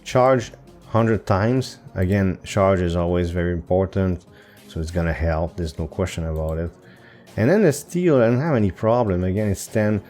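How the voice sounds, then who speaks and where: A man's voice: low voice, expressive, normal speed, mellow, faint music behind. A man hosting his own gaming channel, thinking aloud over gameplay with hesitant fillers and self-corrections. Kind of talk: casual gameplay commentary. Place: home recording setup.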